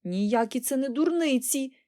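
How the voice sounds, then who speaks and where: Pollyanna, gushing excited little girl, a woman's put-on. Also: fairly high pitch, moderate pace, voice pushed up. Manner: gushing, exclaiming, breathless enthusiasm.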